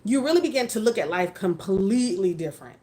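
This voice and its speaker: This livestream host, a woman in her late forties, has a warm, mid-range voice and talks quickly and animatedly. She chats casually, picking up and answering viewer comments, frank and forceful with mild profanity for effect.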